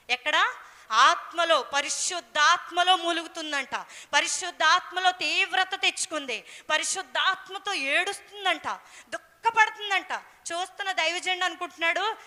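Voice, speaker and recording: A woman's voice: extremely high pitch, bright, forceful tone, in a large hall. A woman preaching a sermon, telling a story in an earnest, emphatic way.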